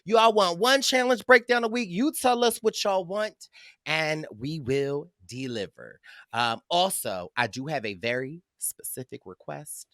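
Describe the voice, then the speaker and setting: A man co-hosting a podcast, telling stories in an animated, theatrical way. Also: on the high side, unhurried, no echo, studio quality. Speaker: podcast co-host. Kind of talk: casual podcast chat.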